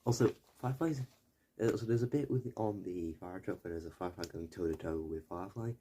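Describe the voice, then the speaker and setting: A young man talks through a video essay in loose, digressive commentary, stopping to correct himself and tossing in the odd swear word. His voice sits a little low and has a soft, mellow tone. A faint hiss of background noise runs under the recording. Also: a little fast. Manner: digressive, self-correcting, mildly profane. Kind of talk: rambling casual commentary.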